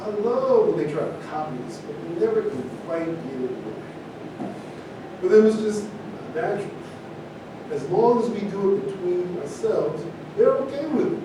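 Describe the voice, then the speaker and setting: At a live staged reading of a play, a man acts an opinionated, provocative character, arguing combatively in a declamatory way with lively intonation at normal speed. The distant mic captures a very echoey room and a noisy rumble.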